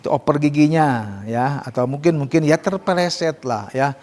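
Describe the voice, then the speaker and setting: A man teaching Quran recitation rules to students, explaining casually and modelling slow, drawn-out recitation. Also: a little high, a little mellow, in a large hall. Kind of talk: tajwid lesson with students.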